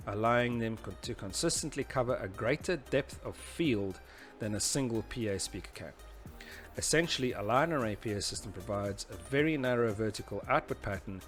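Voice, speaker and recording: Here the tutorial instructor, medium-pitched, explains a technical topic informally while going through slides and diagrams. He proceeds step by step in a somewhat hesitant, conversational manner, often saying "you know."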